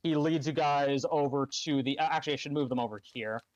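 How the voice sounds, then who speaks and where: A man narrating as game master of a tabletop game, halting with ums and restarts. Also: fairly high pitch, dry recording, lo-fi sound. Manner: hesitant, lots of ums and restarts.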